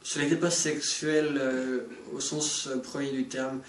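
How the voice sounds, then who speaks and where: A man's voice: mid-range voice, level tone, a little slow, far from the mic, slight background noise, lightly acted. Man playing pompous intellectual film director, echoey room. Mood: defensive, lofty. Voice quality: hesitant, filler-laden delivery. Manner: pretentious, rambling, mock-modest. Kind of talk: parody interview, improvised-sounding. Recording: roomy echo, music behind.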